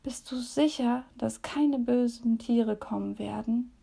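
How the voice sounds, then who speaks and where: A woman's voice: on the high side, slow, gravelly, dark tone, breathy edge, heavily acted. A woman voicing a small, frightened female mouse who pleads in a tearful way in a storybook devotion. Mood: small pleading.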